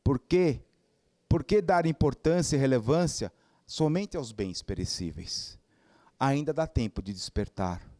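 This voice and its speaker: Animated Brazilian man giving a spiritist talk. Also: medium pitch, no echo, clean studio sound. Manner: animated storytelling with rhetorical questions. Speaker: spiritist lecturer. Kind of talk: spiritist lecture.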